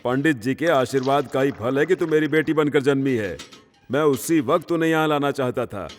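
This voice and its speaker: An earnest, devout village father, voiced by a man, speaks in an ordinary mid-pitched voice. It is a Hindi film dub. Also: normal speed, soft background music, natural voice.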